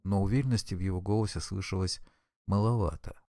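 A man narrating an audiobook with expressive, animated storytelling. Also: low-pitched, quick pace, dry recording, studio quality. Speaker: audiobook reader. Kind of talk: scripted narration.

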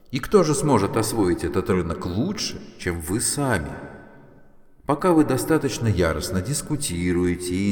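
A man voicing a vast female supercomputer that speaks slowly, calmly and condescendingly. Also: fairly low pitch, reverberant, big-room sound. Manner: slow, measured, condescending. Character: vast, calm, self-satisfied female supercomputer.

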